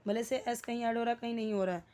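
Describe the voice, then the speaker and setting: Young Indian woman, English teacher, a touch high-pitched, slow and patient, checks in with questions. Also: steady tone, warm tone. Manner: explains slowly, checks with questions and repeats key words. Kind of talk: Hindi-medium English grammar lesson.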